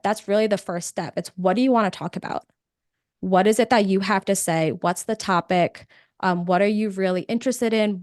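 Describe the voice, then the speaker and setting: A woman's voice: medium pitch, no room sound, studio quality. Chatty woman presenting a webinar. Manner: conversational, energetic, with frequent "um" fillers. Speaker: webinar presenter, podcast producer.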